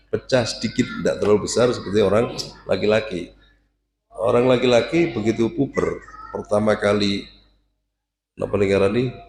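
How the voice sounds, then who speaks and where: A man teaching a casual religious class to students, lively and jokey, breaking into recitation to demonstrate. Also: on the low side, echoey room, slight background noise. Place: prayer room with students.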